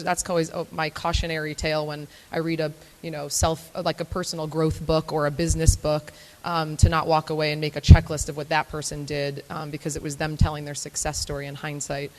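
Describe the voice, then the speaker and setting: A young woman from Florida giving a chatty, self-deprecating live talk to an audience, with frequent filler ums. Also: low-pitched. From Florida, United States. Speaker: guest speaker at a morning talk event. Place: event hall before a live audience. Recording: long hall reverb.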